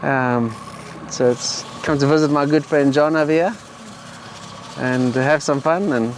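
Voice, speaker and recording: A man's voice: medium pitch, unhurried, slight background noise. A man with a South African accent, chatting casually. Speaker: safari outfitter, guest angler. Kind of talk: casual chat. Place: outdoors on a fishing boat.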